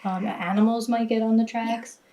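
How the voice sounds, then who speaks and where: A woman hosting a relaxed conversation, explaining things in a chatty way with lots of fillers. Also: a little high, moderate pace. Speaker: host. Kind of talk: casual chat.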